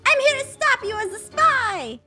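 Very high-pitched, perky spy. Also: female voice, very animated, normal speed, over music. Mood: triumphant. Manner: exclaiming, talks to herself. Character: perky, scatterbrained young female spy, eager and cheerful. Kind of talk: acted Minecraft roleplay.

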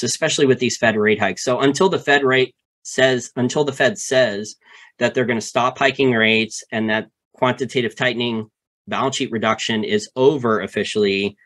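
A man co-hosting a finance podcast, walking through market mechanics step by step in a casual, animated way with frequent repeats. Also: mid-range voice. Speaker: podcast co-host.

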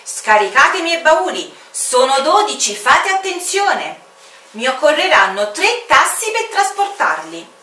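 A woman's voice: sits high, sing-song, a little slow, bright, forceful tone, roomy sound, distant mic, pitched above the performer's own voice, exaggerated voice. A woman voicing a mysterious, playful male aviator who turns out to be Time, in a self-assured, amused tone. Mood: commanding.

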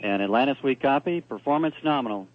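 A man at mission control giving brisk procedural calls to the shuttle over a crackly space-to-ground radio link. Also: mid-range voice, lively intonation. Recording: muffled radio transmission.

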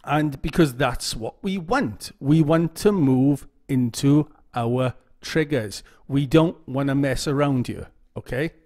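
A man's voice: mid-range voice, slow, hardly any pauses, a little mellow. A man giving casual instructional talk to camera, often repeating phrases and checking in with "okay?". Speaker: YouTube OCD educator.

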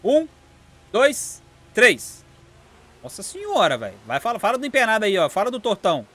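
A young Brazilian man hosting online car races with friends, shouting countdowns and teasing the drivers in rapid slang. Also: high voice, wildly swooping pitch, slightly rough. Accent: Brazilian Portuguese. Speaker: gaming channel host. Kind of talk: excited live gameplay commentary.

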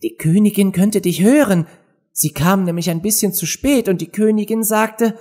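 Guy doing a jumpy little rabbit, high and hushed, shy. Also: expressive, slow pace, full character voice. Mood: nervous.

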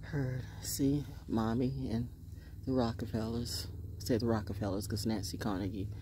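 A woman in her sixties vlogs from a wooden deck in the woods, delivering a sassy, profane monologue into a phone held close at arm's length and dropping into whispered asides. Her voice is very deep, her intonation fairly even, and she talks at a normal speed against a noisy background.

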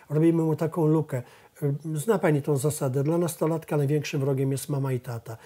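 Husky-voiced man telling lively stories. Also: fairly high pitch. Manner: animated storyteller acting out family dialogues. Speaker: professor and therapist. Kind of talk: studio talk show interview.

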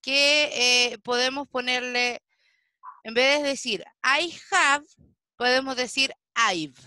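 A woman teaching an English class, explaining slowly and patiently and checking often whether students follow. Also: high-pitched, sharp tone, no room sound. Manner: slow, patient explaining with frequent checking questions. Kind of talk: online class lesson.

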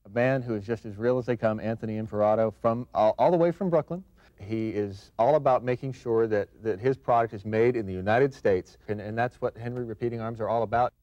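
A man's voice: mid-range voice, a little fast, a little mellow, highs cut off, faint music behind. A middle-aged man hosting a television interview, presenting in a conversational way from a studio. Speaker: TV show host. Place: TV studio set, indoors.

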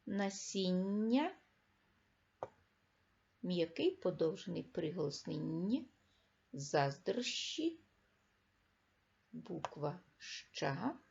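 A woman teacher giving a reading lesson to young children, speaking clearly and with emphasis and stressing each word. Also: on the low side, a little mellow, dull audio. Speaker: primary school teacher.

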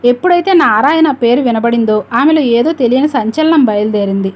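A woman telling a story as an audiobook, reading at a steady, measured rate. Her voice is notably high and clear throughout. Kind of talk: audiobook narration.

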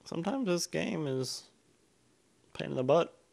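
Gravelly young man, chatty game commentary. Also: a little high, lively intonation, moderate pace, darkish tone. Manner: mild clean exclamations, chatty and self-deprecating. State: hiccuping. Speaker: gameplay commentator. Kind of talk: casual let's-play commentary.

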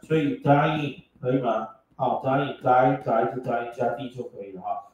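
A man's voice: medium pitch, measured pace, darkish tone, dull audio. A male teacher gives a classroom lecture, joking and teasing his students as he drops English words into his explanations. He is picked up from well across the room, and the space rings with strong echo. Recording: echoey classroom from far off.

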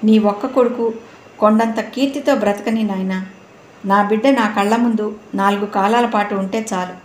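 A woman's voice: mid-range voice, fairly even intonation, moderate pace, natural voice. A woman reading a storybook voices a frail, grieving old mother who talks in a trembling, pleading way. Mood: tearful. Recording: roomy room, faint noise.

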